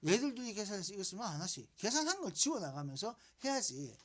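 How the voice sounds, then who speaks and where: A woman's voice: medium pitch, sing-song, quick pace. A woman math teacher giving a lesson, coaxing students along with repeated prompts and questions.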